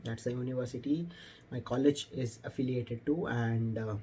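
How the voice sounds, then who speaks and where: In a casual vlog shot indoors, a young man with an Indian accent explains motorcycle topics informally to camera. He keeps a steady, mellow tone at medium pitch and a moderate pace, and there's slight background noise.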